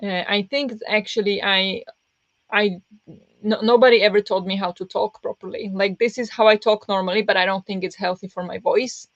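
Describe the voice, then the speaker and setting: A book streamer hosting reading sprints chats casually with viewers on a livestream, rambling with lots of fillers and restarts. Her pressed voice turns raspy easily; it's medium in pitch, fairly even in intonation, at a moderate pace. The sound is dull, lo-fi and dry.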